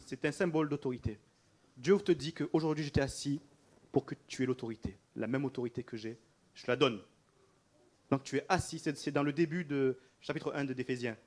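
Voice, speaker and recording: A man preaching a sermon in an animated way, repeating phrases and laughing between them. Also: medium pitch, fairly quick. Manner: animated, repetitive, often laughing mid-phrase.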